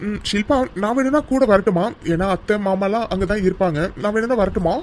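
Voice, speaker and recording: A performer voicing a playful, protective young doctor in an animated cartoon story, teasing and reassuring his girlfriend. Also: mid-range voice, fast, a little hiss or hum, lightly acted. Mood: friendly.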